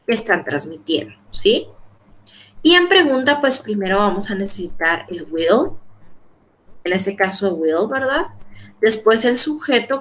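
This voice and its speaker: A woman's voice: medium pitch, fairly bright tone. A woman teaching an English grammar class in Spanish, explaining step by step and often checking in with her students. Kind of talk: online class lecture.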